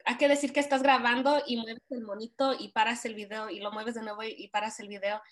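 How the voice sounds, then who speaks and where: A young woman from California, speaking Spanish with a Mexican accent, tells her story as an interview guest. Her voice sits a little high, and her talk is relaxed and full of fillers. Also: fairly quick. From California, United States. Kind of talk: casual interview.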